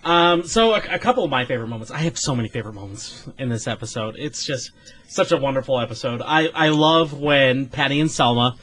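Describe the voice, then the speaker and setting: A man's voice: medium pitch, animated, fairly quick, a bit bright. A man hosting a casual chat who retells scenes with enthusiasm and acts out the quotes.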